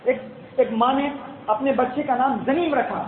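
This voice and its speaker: Guy preaching a sermon, really high voice, keeps repeating himself, echoey room. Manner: repeats phrases, addresses the audience as dear ones and friends. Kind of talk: Islamic sermon in Urdu. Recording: tinny phone-like sound, echoey hall, faint noise.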